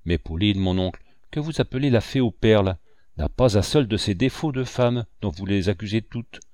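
Un homme jouant une jeune fille candide. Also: male voice, fairly low pitch, animated, moderate pace, a little mellow, no echo, studio quality, lightly acted. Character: jeune fille de quinze ans, candide et sensible.

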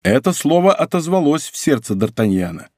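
Expressive male audiobook narrator. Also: fairly high pitch, fairly quick, dry recording, studio quality. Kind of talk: scripted narration.

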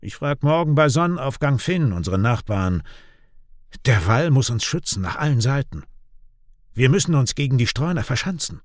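A man voicing a hot-tempered clansman who shouts harshly and scornfully, in a dry audiobook recording. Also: mid-range voice, very animated, moderate pace, dry recording, voice pushed up, lightly acted. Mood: determined. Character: angry, hot-tempered man, clan homeowner. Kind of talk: audiobook character voice.

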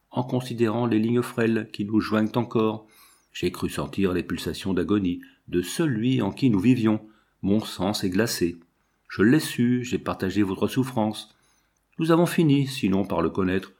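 A fervent young lover from an old novel, speaking in earnest, hushed tones, as a man reads him aloud. The voice sits a little low. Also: normal speed, husky.

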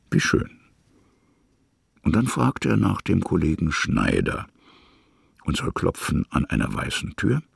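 In present-tense literary radio drama, a slow, musing male narrator lays out each image in short, measured fragments. His bass voice is very gravelly and husky, crackling with heavy vocal fry yet fairly bright in tone, and the heavily acted performance is recorded close and dry with no room sound.

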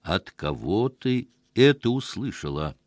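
A man voicing a jealous, frightened village wordsmith who speaks low and hoarse through gritted teeth. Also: sing-song, a little slow, dry recording, clean studio sound, exaggerated voice. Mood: angry.

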